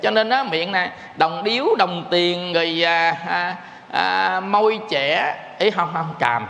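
A man's voice: fairly high pitch, vocal fry, fairly bright tone, reverberant, big-room sound. A man, a Buddhist monk, giving a folksy, joking dharma talk to his listeners.

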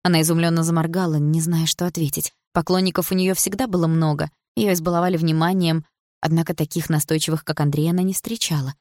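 A low-voiced woman narrating a novel in an even, measured reading. Her voice is close and dry, with no room sound around it. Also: dry recording. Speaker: audiobook narrator. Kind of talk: scripted narration.

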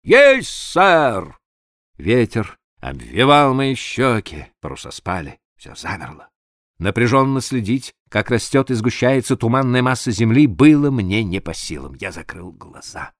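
A man reading a literary audiobook aloud in a dramatic, expressive way, sometimes dropping to a hush. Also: on the low side, moderate pace, no room sound, clean studio sound. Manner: expressive, dramatic reading with sudden hushed drops. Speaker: audiobook narrator.

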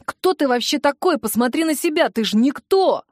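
A woman voicing an angry, hot-headed young man who shouts at his sister's boyfriend. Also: on the high side, a little slow, dry recording, studio quality, natural voice. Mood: furious. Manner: shouting, aggressive.

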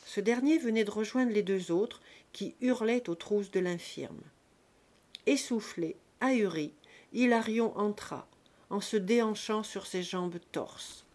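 Lady reading a classic novel, steady measured narration, mid-pitched voice. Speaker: audiobook reader.

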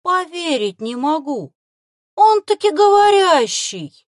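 A woman reading an audiobook voices an excitable, awestruck young boy, eager and loyal, who talks breathlessly and squeals with delight, in a dry recording. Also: high voice, measured pace, no room sound, voice pushed up, heavily acted. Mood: excited.

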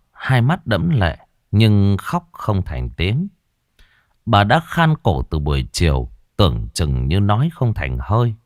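Low, dramatic male ghost-story narrator. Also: dry recording, clean studio sound.

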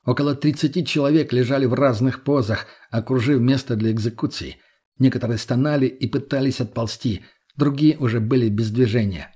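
A man narrating a story in the first person, steady and matter-of-fact. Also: medium pitch, brisk, husky. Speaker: audiobook narrator.

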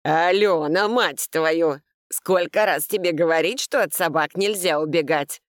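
A woman reading an audiobook and voicing a blunt, loud older father who scolds and scoffs. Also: lively intonation, slow, clear, resonant tone, dry recording, studio quality. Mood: scornful. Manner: booming, scolding. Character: gruff blunt older man, loud and scornful.

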